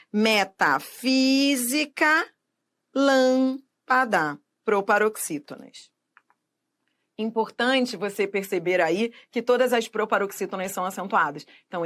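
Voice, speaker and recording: A woman teaching grammar in a video lesson, speaking straight to the viewer, asking and answering her own questions, and drawing out example words slowly. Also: mid-range voice, fairly bright tone.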